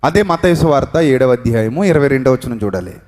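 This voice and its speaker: A male pastor preaching a sermon, swinging between loud, high exhortation and hushed, low emphasis, drilling the congregation to repeat phrases aloud. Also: animated, fairly quick. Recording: long reverb in a hall.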